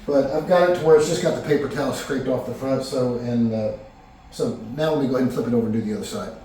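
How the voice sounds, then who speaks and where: A man with a warm, mid-range voice talks fast as he narrates his woodworking project, rambling casually with frequent fillers and restarts. He's a vlogger recorded in his echoey home workshop, his voice distant and off-mic over slight background noise.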